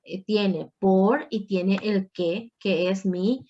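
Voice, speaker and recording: A woman's voice: mid-range voice, steady tone, very slow, dark tone, dull audio, slight background noise. A woman teaching a Spanish grammar class online, explaining patiently with playful asides to her students.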